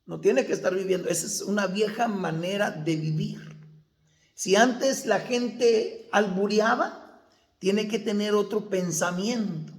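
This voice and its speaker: A man's voice: high-pitched, unhurried, reverberant. A male pastor preaching a sermon, asking the congregation questions and answering them himself.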